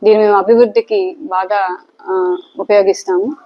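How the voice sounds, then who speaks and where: A woman official giving a formal statement to the press, haltingly and repeating words. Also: medium pitch, fairly even intonation. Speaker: local government official. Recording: dull, lo-fi sound.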